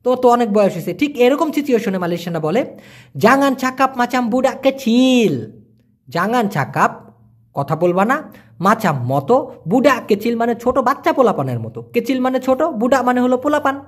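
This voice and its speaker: A man from Bangladesh, giving a casual language lesson and patiently repeating words slowly piece by piece. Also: extremely high pitch, very animated, breathy edge. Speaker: language teacher.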